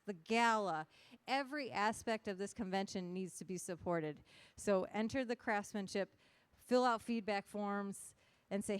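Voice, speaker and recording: A woman's voice: mid-range voice, clear, resonant tone, no echo. A woman emceeing a costume contest on stage, chatty and joking as she rallies the crowd. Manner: chatty, joking, rallying the audience. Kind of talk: lively stage hosting to a crowd.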